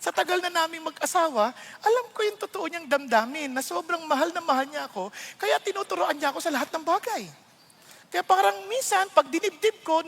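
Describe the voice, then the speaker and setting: A middle-aged male pastor preaching a sermon, animated and laughing often as he mixes English into his talk. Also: extremely high pitch. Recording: long reverb of a large hall.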